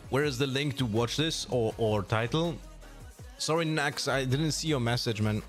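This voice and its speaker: A man casually chatting on a live stream, reading and answering chat in a relaxed, mumbling way that trails off. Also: medium pitch, normal speed, soft background music.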